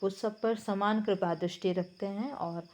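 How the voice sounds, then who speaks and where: A woman's voice: medium pitch, steady tone, unhurried, a little mellow. A woman with a Bengali accent, explaining textbook answers as a Hindi teacher, with a patient manner and frequent hesitations.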